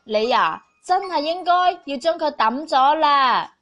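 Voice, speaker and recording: Woman acting out nagging storybook mother, drawn-out scolding. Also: sits high, very animated, fairly bright tone, lo-fi sound, heavily acted. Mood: disapproving. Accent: Cantonese. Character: nagging practical mother of a little boy.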